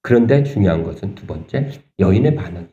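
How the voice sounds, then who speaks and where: A man preaching a sermon as pastor, talking conversationally and asking the congregation rhetorical questions, turning animated and indignant at points. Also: sits low, fast, roomy sound, highs cut off. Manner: animated, rising sharply when voicing indignation. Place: church sanctuary.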